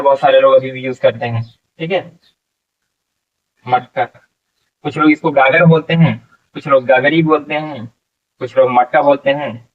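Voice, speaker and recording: A man gives an English vocabulary lesson, explaining slowly, repeating each word and answering his own questions. His mid-range voice is far from the mic, with phone-quality sound.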